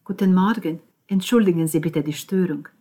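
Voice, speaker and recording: Audiobook: woman narrator doing flustered neighbor lady, eager, breathy, rushed. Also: lowish voice, warm tone, lightly acted. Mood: flustered, pleading. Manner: breathless, quick and pleading. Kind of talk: audiobook character voice.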